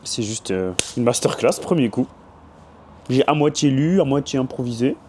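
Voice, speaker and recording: A young man with a hoarse voice, chatting casually in a vlog and laughing often. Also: mid-range voice, animated, moderate pace, darkish tone, slight background noise. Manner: laughs often, mixes French and English. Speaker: vlogger. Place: small room indoors.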